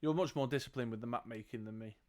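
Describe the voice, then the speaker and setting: A man's voice: mid-range voice, fast, warm tone. Man narrating a gamebook. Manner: laughs often, jokes between read passages. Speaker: game master narrating a gamebook. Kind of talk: reading a gamebook aloud with banter.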